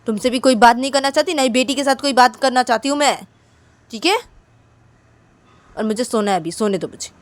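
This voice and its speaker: A woman voicing an irritated young mother who scolds in a raised, petulant voice, much higher than her own narrating voice. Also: fairly quick, pauses often, lightly acted.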